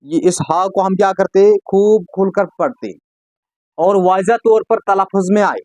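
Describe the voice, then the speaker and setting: An Urdu teacher leads an exam-prep language lesson, posing questions and answering them himself. He speaks slowly and patiently, repeating key points with "yaad rakhiyega" to remind students what to remember. His voice is high with a darkish tone, and there's no echo.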